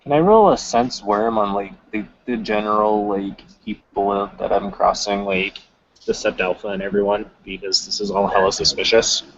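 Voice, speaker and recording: A man's voice: lowish voice, fairly even intonation, normal speed. A man playing a tabletop game, asking hesitant questions full of fillers. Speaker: tabletop player. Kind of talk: casual role-play chat. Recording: dull lo-fi sound with faint noise.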